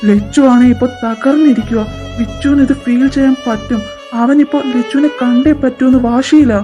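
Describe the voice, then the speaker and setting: A woman's voice: high voice, normal speed. Lady voicing every character in a fan drama, soothing and worried tones, dull home recording with bgm. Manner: switching between worried, soothing and brooding character voices. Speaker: fan fiction narrator voicing all roles. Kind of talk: fan audio drama dubbing. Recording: muffled lo-fi home dub. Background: background music.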